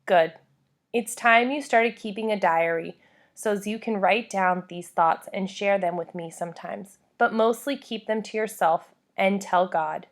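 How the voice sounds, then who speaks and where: A woman voicing a wise, firm old grandmother in a memoir, speaking earnestly and deliberately as she instructs a child. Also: medium pitch, close to an everyday voice. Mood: gently firm.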